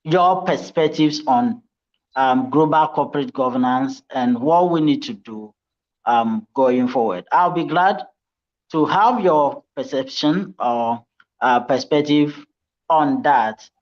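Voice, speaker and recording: A man moderating a conference panel, slow and hesitant with many ums. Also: mid-range voice. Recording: dull lo-fi audio.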